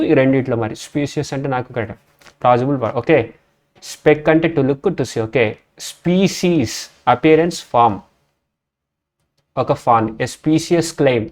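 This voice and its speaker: Guy explaining word roots for exams, smooth clear voice, mid pitch, spells stuff out letter by letter, lots of okays. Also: a little mellow. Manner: spells words out letter by letter, mixes Telugu and English; says "okay" again and again. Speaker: exam vocabulary teacher.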